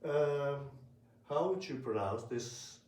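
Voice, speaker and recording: Slow, hesitant man teaching. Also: mid-range voice, expressive, a little mellow. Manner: slow, hesitant, many fillers. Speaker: Japanese language teacher. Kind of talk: casual spoken lesson. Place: room in Tokyo. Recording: roomy, from a distance.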